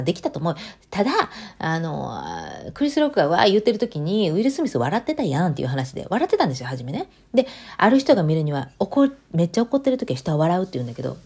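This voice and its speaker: A woman's voice: sits low, creaky, darkish tone, breathy edge. A woman with a Kansai accent talking casually and chattily to her audience, mixing standard and Kansai speech. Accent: Kansai Japanese. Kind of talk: casual monologue.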